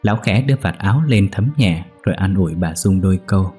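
A man narrating a ghost story in a steady, measured way. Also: sits low, breathy edge, faint music behind.

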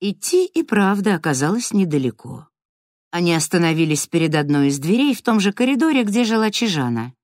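Low-voiced woman narrating a storybook. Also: sing-song, brisk, a little mellow, no echo, clean studio sound. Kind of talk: scripted audiobook narration.

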